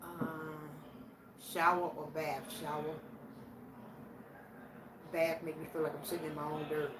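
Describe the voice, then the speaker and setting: Her voice sits low and her delivery is flat. A vlogger from Virginia in her sixties, she works casually through a question challenge, answering each one aloud slowly and plainly, with a reflective air, heard from a distance in an echoey room with faint noise behind her.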